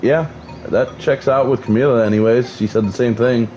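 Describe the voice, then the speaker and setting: A man streaming a game talks at normal speed in a medium-pitched, steady, mellow voice over soft background music. His casual gameplay commentary rambles, restarts repeatedly and includes casual swearing. He sounds like he is losing his voice, and his mouth is numb.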